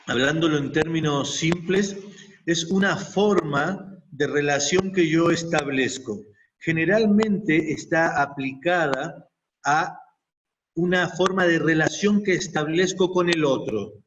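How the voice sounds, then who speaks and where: A man's voice: a little high, takes it slowly. A man speaking as a guest, explaining his ideas step by step and building them up in repeated lists. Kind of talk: reflective explanatory talk. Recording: distant, muffled mic with faint noise.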